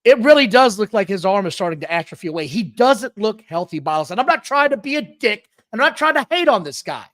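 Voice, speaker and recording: A man co-hosting a podcast, talking in an animated, opinionated way in casual chat. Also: sits high, fast. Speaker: podcast co-host.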